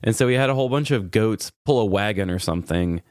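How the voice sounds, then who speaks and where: A podcast co-host with a lowish, expressive voice tells funny stories quickly in a casual, conversational way. The recording is studio quality with no room sound.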